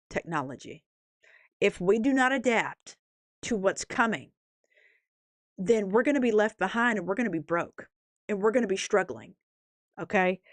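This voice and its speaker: A woman with a medium-pitched voice hosts a YouTube livestream, recorded dry with a clean studio sound. She chats casually and rambles to viewers, speaking emphatically and often tagging her points with "okay?" and "right?"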